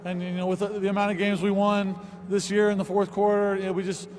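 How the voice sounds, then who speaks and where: A young male college football player with a high voice gives a post-game interview outdoors. He speaks haltingly, repeating words, over a loud stadium crowd. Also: completely flat delivery. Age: young adult.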